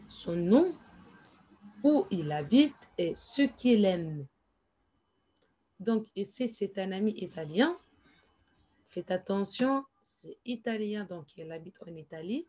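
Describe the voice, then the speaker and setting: A woman teaching in a slow, patient classroom explanation, repeating each phrase and adding English asides. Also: mid-range voice, darkish tone, breathy edge. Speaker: French teacher.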